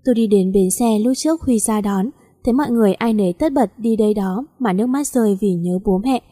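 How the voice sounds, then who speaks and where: Soft-toned woman reading a story. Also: mid-range voice, fairly quick, husky. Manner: reads all characters in one voice. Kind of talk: audiobook story narration.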